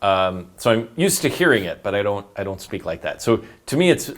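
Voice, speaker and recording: A man's voice: lowish voice, sing-song, fairly quick, a little hiss or hum. A man chatting casually and giving his commentary as a guest panelist.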